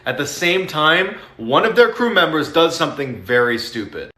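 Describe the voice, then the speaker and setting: Lively man narrating suspensefully in a roomy space. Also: a little high, normal speed, very noisy. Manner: suspenseful storyteller. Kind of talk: dramatic scripted narration. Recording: roomy echo.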